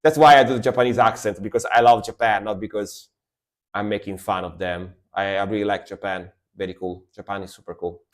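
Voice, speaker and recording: A man's voice: lowish voice, fairly even intonation, brisk. Male streamer, enthusiastic, rambling, jokey reaction commentary. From Italy. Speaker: streamer reacting to metal music.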